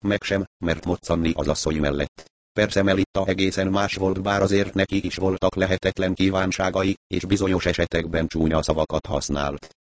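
A man's voice: deep voice, fairly even intonation. A man narrating an audiobook in a wry storytelling manner.

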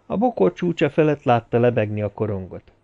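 Egy férfi, aki kifejezően, szövegből olvasva egy történetet mesél el felolvasóként. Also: male voice, medium pitch, creaky, lo-fi sound. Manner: expressive storytelling. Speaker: audiobook narrator. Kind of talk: scripted narration.

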